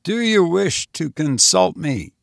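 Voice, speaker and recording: A man's voice: a little high, very animated, slow pace, vocal fry, no echo, studio quality, pitched above the performer's own voice, heavily acted. A man voicing a young male surgeon, compassionate and a little hesitant. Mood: gentle. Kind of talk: audiobook character voice.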